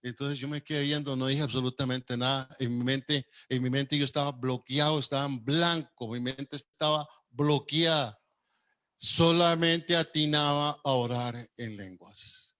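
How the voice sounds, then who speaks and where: A man preaching, telling a personal testimony as a lively story and acting out the dialogue. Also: medium pitch, a little slow. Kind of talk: sermon testimony.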